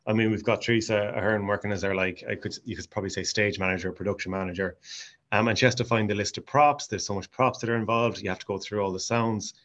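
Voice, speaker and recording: A man's voice: lowish voice, fairly even intonation, fast talker, fairly bright tone, lo-fi sound. A man with a west of Ireland accent from Mayo, chatting casually as an interview guest about his hobby. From County Mayo, west of Ireland. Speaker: amateur drama society actor, interview guest.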